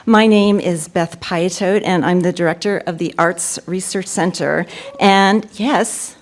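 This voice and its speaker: A woman opening a university poetry reading, giving warm welcoming remarks and announcements into a podium mic. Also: fairly low pitch, fairly even intonation, unhurried. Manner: warm, gracious and upbeat, with filler ums. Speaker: event host introducing a poetry reading. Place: university lecture room.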